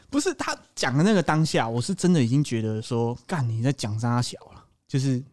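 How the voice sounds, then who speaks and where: A man's voice: medium pitch, normal speed. A young man with a Taiwanese Mandarin accent hosting a podcast, telling stories in casual chat full of swearing. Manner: profane, animated storytelling. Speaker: podcast host.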